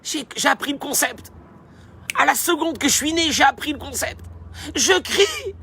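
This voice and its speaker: A man's voice: extremely high pitch, expressive, moderate pace, creaky, bright, forceful tone, a little hiss or hum, pitched above the performer's own voice, heavily acted. A man voicing a newborn baby in its crib, whining about being fed in a fretful, complaining way. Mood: matter-of-fact.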